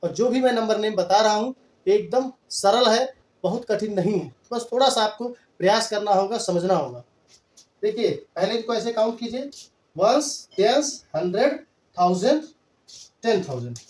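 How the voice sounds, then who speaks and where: His voice sits high and moves at a moderate pace as he teaches a maths lesson in a blend of Hindi and English. He counts place values aloud patiently and repetitively, step by step, heard from a distance in an echoey room.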